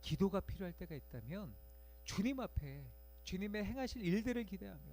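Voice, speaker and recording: A man preaching a sermon in church, going from quiet, low passages to loud, pleading cries and acting out voices in the story. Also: very animated, brisk. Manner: dramatic, swings from soft to loud cries, acts out voices of crowd and bystanders. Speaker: pastor. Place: church sanctuary.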